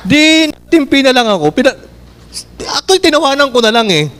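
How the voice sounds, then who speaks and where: A man with a Filipino accent preaching a sermon as pastor, asking the congregation questions and reading verses slowly. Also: very high voice. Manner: switches between Tagalog and English, reads verses slowly; animated, asks the congregation questions.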